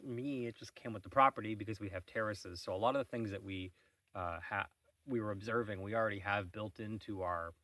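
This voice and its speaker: Sitting outdoors on a shady farm terrace, a man hosts a casual morning vlog, musing and rambling with wry asides. His voice is on the low side, pushed and bright, and the mic is distant.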